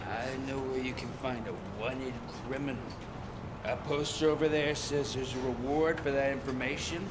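A man's voice: medium pitch, fairly even intonation, moderate pace, background noise, close to an everyday voice. An actor playing a cocky, impatient male criminal in a video game, pushing for money. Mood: pushy, indignant. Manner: pushy, cocky. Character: brazen, impatient male petty criminal demanding reward money.

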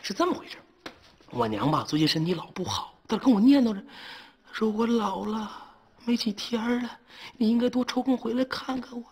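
A whiny cook begging to be freed. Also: male voice, sits high, expressive, brisk, breathy edge, full character voice. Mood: explaining. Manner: whiny, pleading and wheedling. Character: locked-up cook faking madness, begging to be freed. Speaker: inn cook. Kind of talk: sitcom acting.

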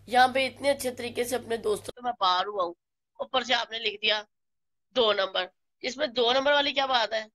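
A woman with a Pakistani Urdu accent, slightly hoarse from a flu, slowly greeting live stream viewers by name and teasing them. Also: mid-range voice, fairly bright tone. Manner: slow, greets viewers by name, playful scolding. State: hoarse from a flu and sore throat.

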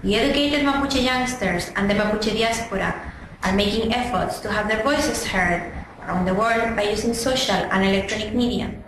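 A woman's voice: mid-range voice, moderate pace, fairly bright tone. A woman from Chile, a blogger, giving a plain, careful statement to the camera indoors. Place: small indoor room. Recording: very echoey room with hiss.

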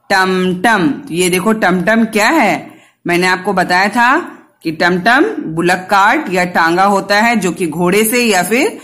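Teaching Hindi to little kids, this woman spells out each letter with patience and supplies answers to the questions she poses herself. She's a kindergarten teacher whose voice is mid-range and fairly bright.

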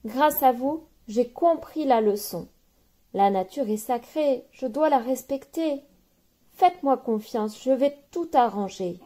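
A woman's voice: sits high, animated, slow pace, dark tone, exaggerated voice. A woman voicing Samy the little marmoset. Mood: contrite. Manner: exclaiming, then earnest apology. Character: small male marmoset prince, remorseful.

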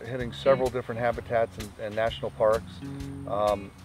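A man's voice: medium pitch, flat delivery, brisk, over music. A man, a birdwatching journalist, giving chatty, upbeat interview answers outdoors on a lakeside lawn.

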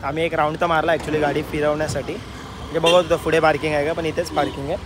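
A young man in his twenties vlogs his travels, holding a phone at arm's length outdoors on a roadside and at a cafe. His voice is on the high side, flat and fast, with a noisy background. He's chatty and calls his viewers brothers.

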